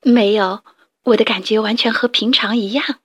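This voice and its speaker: A woman voicing a gentle, contented mother hen in a storybook. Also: fairly high pitch, steady tone, moderate pace, slightly rough, no room sound, studio quality.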